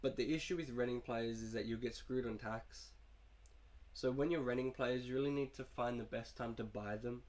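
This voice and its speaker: In casual gameplay commentary, a young man with a cold coughs and meanders through his team. His medium-pitched voice has fairly even intonation, a moderate pace and a darkish tone.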